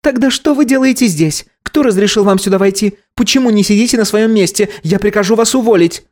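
A man's voice: sits high, brisk, a little mellow, voice pushed up, close to an everyday voice. A man voicing a furious grown daughter in an audiobook, screaming bitter accusations. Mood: sharp. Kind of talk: audiobook character voice.

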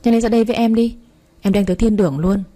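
A woman's voice: medium pitch, racing, dark tone, close to an everyday voice. A woman voicing a scheming young mistress in a storybook reading, wheedling in a raised voice. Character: scheming young mistress, coy then panicky.

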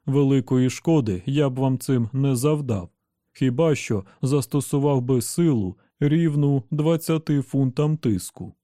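A man voices a smug, pious robot servant, speaking slowly in a prim, self-satisfied, falsely caring tone. His mid-range voice is dark and mellow, close to an everyday voice, and recorded close and dry with no room sound, like a storybook audiobook.

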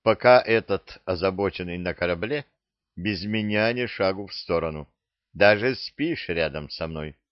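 A man's voice: low-pitched, a little slow, no room sound, highs cut off. A man voicing a young hero in a plain, tired but firm way. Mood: weary. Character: young man, weary and commanding.

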